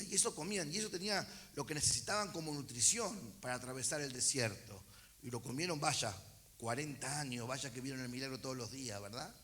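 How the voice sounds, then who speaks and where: During a church service, a pastor with a Rioplatense Argentine Spanish accent preaches in a bright, forceful voice on the high side. He reads scripture aloud and addresses his congregation with chatty asides.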